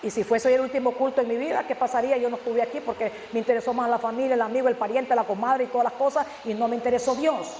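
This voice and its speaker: A man preaches a fervent sermon in a high, bright-edged voice. He fires rhetorical questions and hits words with sudden loud stress. His voice rings through a church hall with long, echoing reverb. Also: fairly even intonation, very fast, hardly any pauses, a little hiss or hum. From Nicaragua. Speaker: pastor.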